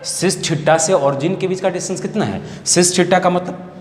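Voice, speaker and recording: A man's voice: high-pitched, moderate pace. A man with a Bihari Hindi accent teaching math in a classroom lecture, repeating his points and asking the class questions he then answers himself. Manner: repetitive, asks the class questions and answers them. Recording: echoey hall, faint background hiss.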